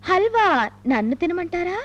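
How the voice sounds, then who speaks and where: An actress playing a playful younger sister who teases quickly in a film scene. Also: female voice, very high voice, sing-song, dull audio. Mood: teasing. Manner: teasing, quick. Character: cheeky young sister-in-law, teasing and playful.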